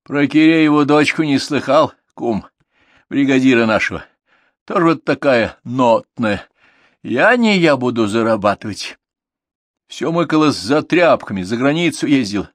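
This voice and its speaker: A man voicing a loud, scolding village mother who shouts at her daughters in an audiobook. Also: mid-range voice, lively intonation, a little slow, no room sound, studio quality, voice pushed up, close to an everyday voice. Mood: lamenting.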